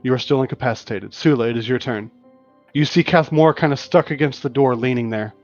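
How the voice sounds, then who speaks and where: On a livestreamed tabletop game, a man serving as game master describes scenes in a mid-range, slightly mellow voice, speaking fairly quickly. He often restarts and uses fillers, and the lo-fi stream audio has faint music in it.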